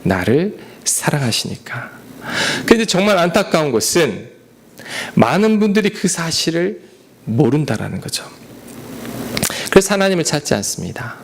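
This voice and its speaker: A man preaching a sermon, his voice gravelly and full of lively pitch swings. He rises suddenly to loud, pressing lines and drops to soft, whispered asides. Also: normal speed, long pauses, slight background noise. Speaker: pastor.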